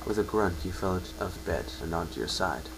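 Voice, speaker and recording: Reading a second-person story dramatically, this man occasionally trips over words and fixes them. His low-pitched voice is animated and brisk, and a faint hum runs through the home recording.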